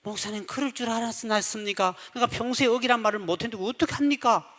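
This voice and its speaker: A man voicing a timid, apologetic middle-aged deaconess, pleading quietly and sheepishly in a long-reverb church hall. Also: extremely high pitch, fast talker, heavily acted.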